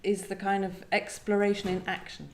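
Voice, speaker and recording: A woman with a medium-pitched voice talks at a moderate pace, her pitch barely moving. She's a guest poet at a live literary gathering, offering reflective discussion and poetry readings. The recording captures the spacious echo of the indoor venue.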